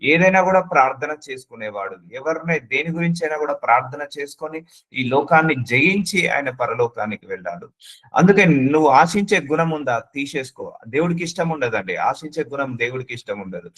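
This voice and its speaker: Earnest male preacher, mid-pitched. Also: lively intonation, brisk, fairly bright tone, low-quality recording. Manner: earnest, addresses listener directly with repeated questions; mixes English words into speech. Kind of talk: sermon.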